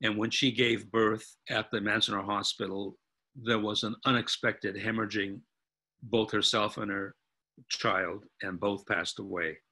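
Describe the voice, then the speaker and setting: An American man in his eighties giving a history talk, walking through photographs in an earnest, halting way with frequent restarts. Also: lowish voice, fairly even intonation, sharp tone. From United States. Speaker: guest speaker.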